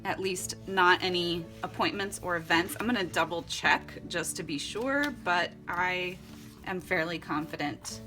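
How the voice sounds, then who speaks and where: Narrating her journaling vlog at home, a young woman with roots in Florida and Costa Rica talks through her journal setup in a casual, cheerful way and laughs a lot. She speaks unhurriedly in a lowish voice, with music in the background.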